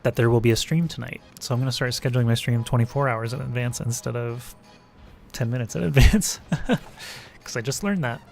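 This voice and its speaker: A man's voice: medium pitch, a little fast, gravelly, a little mellow, faint music behind. A man casually thinking aloud while live streaming a digital card game, muttering card names and plays. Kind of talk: casual gameplay commentary.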